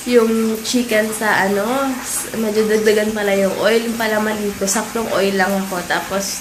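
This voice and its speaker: A woman's voice: medium pitch, noisy background. A young woman with a stuffy cold, chatting casually at home while cooking, rambling and laughing often. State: congested with a cold. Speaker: vlogger. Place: home kitchen.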